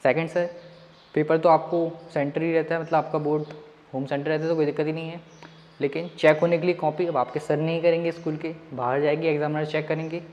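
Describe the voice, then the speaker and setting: A man's voice: on the high side, flat delivery, quick pace, highs cut off. A man teaching maths in a casual online lesson, talking straight to his students and mixing English words into his talk. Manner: chatty, addresses students directly, mixes in English words. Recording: long reverb.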